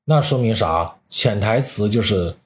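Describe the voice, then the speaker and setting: A man's voice: fairly low pitch, lively intonation, measured pace. Man telling stories, colloquial and joking. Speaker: stand-up comedian, podcast guest. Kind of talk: casual podcast chat.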